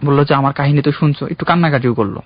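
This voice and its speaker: A young man calling in to a radio show, earnestly recounting his own love story in a halting, heartfelt way. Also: on the high side, breathy edge, no room sound. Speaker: caller. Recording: dull, dry radio studio sound.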